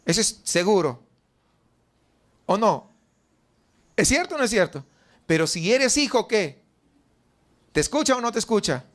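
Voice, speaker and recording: A man with a high-pitched voice and a Mexican Spanish accent delivers a sermon in a church. He keeps asking his congregation rhetorical questions. He acts out their doubts in a raised voice. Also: very animated, measured pace, pauses often. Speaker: pastor.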